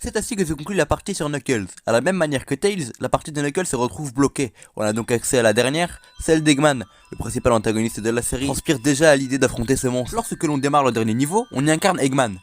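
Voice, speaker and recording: A man's voice: mid-range voice, lively intonation, fast talker, few pauses. A man hosting a video, casually recounting an internet horror legend in a chatty, joking way and talking straight to his viewers. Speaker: host.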